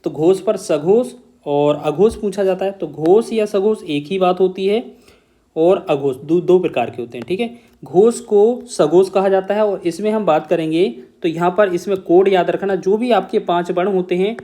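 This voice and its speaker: A man's voice: sits high, moderate pace, warm tone. Patient exam-prep grammar teacher, a man. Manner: explains step by step, often checking with "okay"; repeats key terms and stresses examples for the exam.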